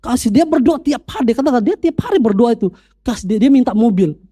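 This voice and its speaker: A male pastor preaching a sermon from the church pulpit, repeating phrases and rising to animated emphasis. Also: extremely high pitch, quick pace, husky.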